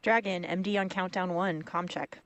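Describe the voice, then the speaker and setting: Female mission director: slightly low, dry voice, procedural radio calls. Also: steady tone, normal speed, a bit bright, no room sound. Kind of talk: procedural radio comm check.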